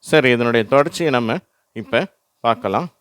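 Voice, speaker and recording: Tamil-accented male teacher, patient and repetitive, smooth clear voice, dry close voice-over. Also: mid-range voice, moderate pace, fairly bright tone. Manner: patient, repeats words for the listener to echo. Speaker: English teacher. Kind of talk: slow instructional explanation.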